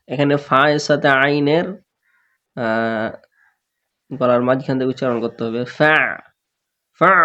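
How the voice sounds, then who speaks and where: A man teaching Quran recitation rules step by step, slowly drawing out sample words and often clearing his throat. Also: medium pitch, a bit bright. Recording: dull lo-fi recording.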